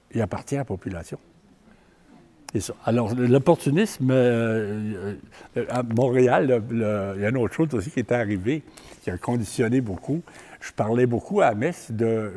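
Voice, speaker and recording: Older man, Québécois accent, community talk; stop-start, repeats himself, warm low-key timbre. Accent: Québécois French. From Quebec. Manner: halting, repeats words, plain-spoken. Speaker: community organizer giving a talk. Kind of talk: public talk with personal stories.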